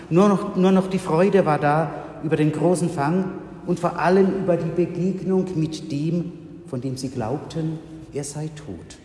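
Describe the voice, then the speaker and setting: A male pastor giving a sermon in a slow, measured way with solemn pauses, in a church. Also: fairly high pitch, mellow. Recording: reverberant church hall.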